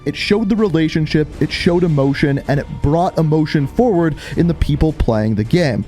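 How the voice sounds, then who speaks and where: A man's voice: fairly high pitch, moderate pace, warm tone. A man narrating a scripted video game review essay, stressing key words emphatically. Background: background music.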